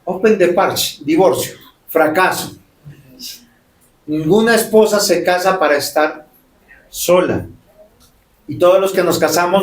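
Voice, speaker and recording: A man preaching a sermon as pastor, emphatic and full of rhetorical questions. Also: fairly high pitch. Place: church sanctuary. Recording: roomy church echo.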